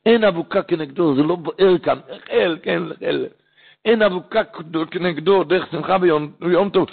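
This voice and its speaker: A gravelly, husky man preaches as a rabbi, his voice sitting fairly high and shooting up when he stresses a point. He tells stories and circles back over his phrases. The recording is thin and tinny, like a phone line. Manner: impassioned, rises sharply in pitch for emphasis; repeats and restarts phrases while teaching. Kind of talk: holiday sermon with storytelling.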